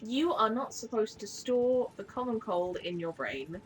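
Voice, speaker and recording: A woman's voice: fairly high pitch, animated, a little slow, a little hiss or hum, poor audio. Casual swearing woman chatting on stream. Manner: rambling, swears casually, many fillers. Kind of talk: casual chat.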